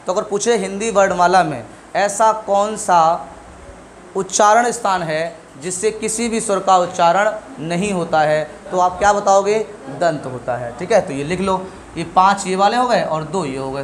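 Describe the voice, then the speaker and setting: High-voiced man teaching a classroom lesson. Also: normal speed, slight background noise. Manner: asks questions and answers them himself, drilling syllables.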